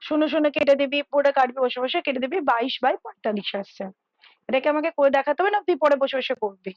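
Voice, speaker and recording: A woman's voice: high-pitched, fast talker, no echo, highs cut off. A woman tutoring math over a call on headphones at home, explaining step by step and checking whether her student understands.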